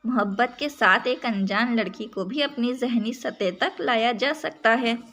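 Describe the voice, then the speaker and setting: A calm, principled young man, read by a woman storyteller who speaks earnestly and persuasively. He talks slowly, in a slightly high voice.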